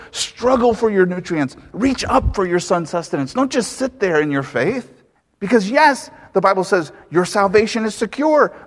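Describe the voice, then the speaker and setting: A man preaching a sermon as pastor, emphatic and full of rhetorical questions. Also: on the high side. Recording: long hall reverb.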